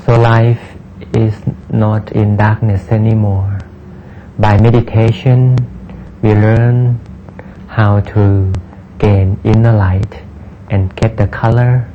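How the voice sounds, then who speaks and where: A man giving calm, measured, scripted narration for a meditation program. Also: lowish voice, muffled recording, slight background noise.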